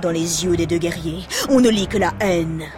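A woman's voice: fairly low pitch, moderate pace. A woman telling a story to children in a playful, exclamatory style with chatty asides. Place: radio studio. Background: music.

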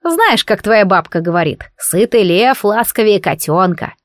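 A woman's voice: medium pitch, big pitch swings, measured pace, no room sound, clean studio sound. A woman voicing a kindly old uncle in an audiobook, coaxing and folksy. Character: kindly old uncle, homely and soft-hearted.

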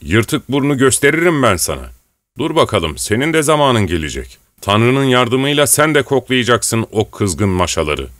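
A man voicing a rough, brawling male rebel fighter in a scornful, blustering manner. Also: mid-range voice, sing-song, moderate pace, a bit bright, no echo, clean studio sound, voice pushed up.

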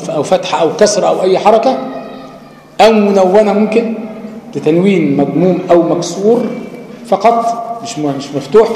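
A man with a high, light voice and an Egyptian accent teaches recitation rules as a sheikh. He works through each point step by step and answers the questions he asks himself. His voice rings through a large echoey hall with a long reverb, over faint background noise. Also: darkish tone. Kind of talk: spoken lecture.

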